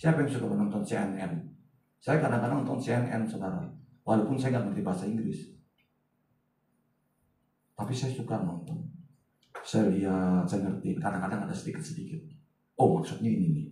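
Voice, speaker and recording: Pastor preaching in an echoey hall. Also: male voice, lowish voice, a little fast, long pauses, recorded from a distance, a little hiss or hum. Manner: chatty, swings from loud to hushed asides. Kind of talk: sermon. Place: large church hall.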